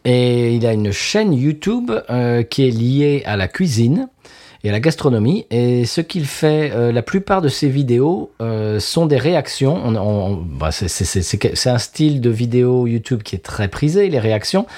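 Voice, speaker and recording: A man co-hosting a relaxed conversation at a middle pitch, his voice rising and falling in a lively way. He stammers and restarts often as he talks. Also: moderate pace. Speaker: podcast co-host. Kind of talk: casual chat.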